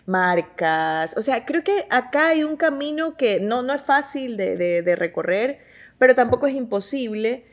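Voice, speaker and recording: A woman's voice: on the high side, a little slow. A woman with an Ecuadorian Spanish accent, chatting expressively as an interview guest, often restarting her sentences. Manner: expressive, talks with many restarts. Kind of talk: casual interview chat.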